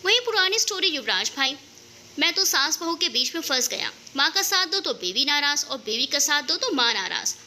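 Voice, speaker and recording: Woman doing a flustered young husband, storybook reading, lively pitch, faint noise. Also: normal speed, heavily acted. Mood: complaining. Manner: complaining, flustered. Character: young married man, harried and defensive.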